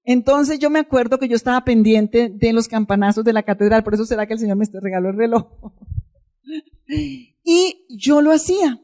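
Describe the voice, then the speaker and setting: A woman's voice: fairly high pitch, normal speed, mellow. A woman pastor giving a sermon, telling a personal testimony in a conversational, emotional way and addressing the congregation directly.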